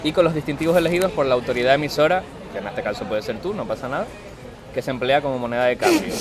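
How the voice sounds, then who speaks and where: Fast-talking young man. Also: medium pitch, lively intonation, loud music behind the voice. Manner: pedantic, reads out definitions. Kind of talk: casual banter among friends. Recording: outdoor crowd noise behind.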